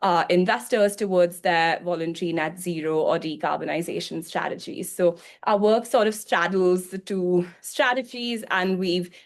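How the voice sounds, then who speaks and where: A woman's voice: fairly low pitch, normal speed, few pauses. A woman introducing a session to an audience in a meeting room, businesslike, with ums and small restarts. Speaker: session co-host. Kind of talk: presentation introduction.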